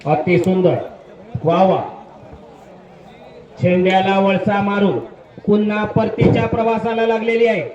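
A man giving live commentary on an outdoor race over a loudspeaker PA system, exclaiming praise again and again and firmly repeating rules for the crowd. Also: high voice, fairly even intonation, measured pace, pauses often. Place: outdoor bullock cart race ground. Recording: echoey, distant, muffled loudspeaker sound.

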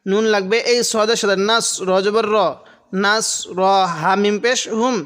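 A man's voice: sits high, fairly even intonation, moderate pace, fairly bright tone, smooth. A man teaching Quran reading, spelling out each letter and syllable, then chanting the verses drawn out. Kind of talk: slow spelled-out Quran recitation lesson.

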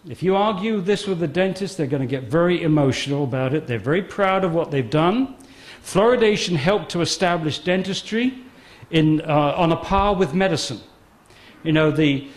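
Animated, emphatic man giving a talk. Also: on the high side. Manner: emphatic and sarcastic, with repeated phrases. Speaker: guest speaker. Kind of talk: public talk on a health controversy.

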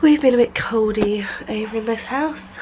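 A young woman chatting casually in a vlog, her voice croaky and bunged up from a cold. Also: on the high side, moderate pace, a little hiss or hum, rough recording. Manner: chatty, softly sing-song baby talk. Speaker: vlogger. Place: outdoors, walking along a road. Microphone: handheld camera.

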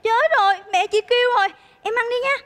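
An actress playing a gentle young woman in a stage comedy sketch, cooing sing-song words to her pet fish. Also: very high-pitched, fast talker.

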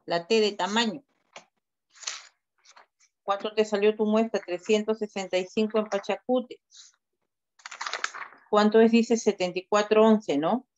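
A woman teacher's medium-pitched, darkish voice stays steady and a little slow, with long pauses and a little hiss or hum in the background. She's giving direct, corrective feedback on student work in an online class, with step-by-step instructions, over dull lo-fi video call audio.

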